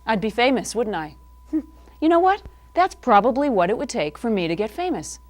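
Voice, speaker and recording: A woman's voice: on the high side, sing-song, fairly quick. A middle-aged woman hosting a live improvised comedy monologue from a TV studio, talking in a mock-serious, theatrical, confiding way. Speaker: host. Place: cable access TV studio.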